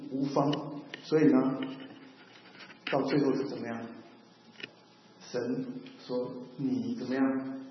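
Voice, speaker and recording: A male pastor in his sixties gives a chatty sermon and keeps checking in with his listeners. His voice booms through a large, reverberant hall with a long echo tail, and the recording sounds a little dull. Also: a little hiss or hum. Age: 60s. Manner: conversational, keeps asking the congregation questions, mixes in English phrases.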